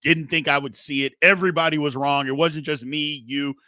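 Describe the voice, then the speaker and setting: A man's voice: fairly high pitch, steady tone, brisk, pushed and bright, dry recording, studio quality. A middle-aged man hosting a sports show, giving blunt, emphatic, casual opinions and repeating his phrases for effect.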